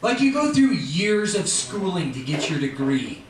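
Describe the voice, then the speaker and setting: A middle-aged man doing a stand-up comedy routine at a live venue, animated and acting out characters in quick voices. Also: high-pitched. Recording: echoey distant live room mic with noise. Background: audience laughter.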